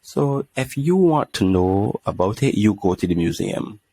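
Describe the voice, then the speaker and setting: A man's voice: lowish voice, animated, measured pace, mellow, no room sound. A man with a Barbadian accent in casual conversational discussion on a podcast. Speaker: podcast speaker.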